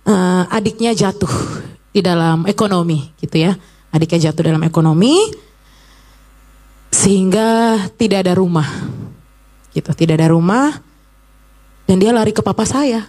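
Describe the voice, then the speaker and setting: A young woman preaching a lively sermon to a church congregation, asking the crowd questions and acting out quoted voices. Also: medium pitch. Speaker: evangelist preacher.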